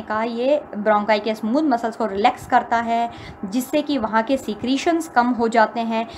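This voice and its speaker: A woman lecturer teaching pharmacology, reading English lines slowly and then explaining them again in her own words. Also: on the high side, a little mellow. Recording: faint background noise.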